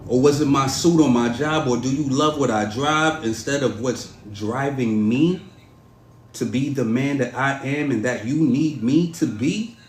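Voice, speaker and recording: A man performing a spoken-word poem to a woman in a measured, dramatic, pleading delivery. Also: medium pitch, a little hiss or hum. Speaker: podcast host performing a poem. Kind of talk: spoken-word poetry recital. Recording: roomy echo.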